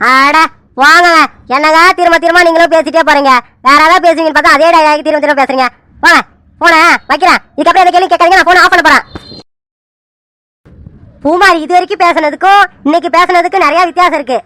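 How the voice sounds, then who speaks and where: A woman voicing a teasing man who chats on the phone in an animated serial, full of mock fear and pleading. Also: very high voice, fast talker, no room sound. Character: man called Surya sir on the phone, teasing. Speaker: cartoon character.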